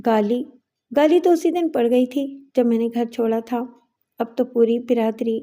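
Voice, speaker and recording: Lady playing a runaway daughter, tearful but stubborn, mellow dark voice. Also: a little high, fairly even intonation, natural voice. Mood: remorseful. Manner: tearful, defensive. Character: remorseful runaway young daughter.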